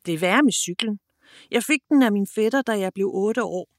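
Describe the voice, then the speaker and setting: A woman voicing a gentle, modest eleven-year-old boy in a children's audiobook, speaking softly. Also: medium pitch, no echo, clean studio sound, lightly acted. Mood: calm.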